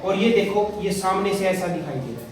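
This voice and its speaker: A man's voice: sits high, expressive, brisk. A man teaching young pupils in a classroom, asking questions and repeating the answers back to them. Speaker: primary school teacher. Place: school classroom. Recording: very echoey classroom, far from mic, noisy.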